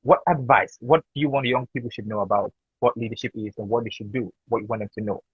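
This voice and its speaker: A man's voice: mid-range voice, steady tone, fast talker, slightly rough, no room sound, phone-quality sound. A man hosting a live online interview, thanking his guest effusively and asking questions. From Nigeria. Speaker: host.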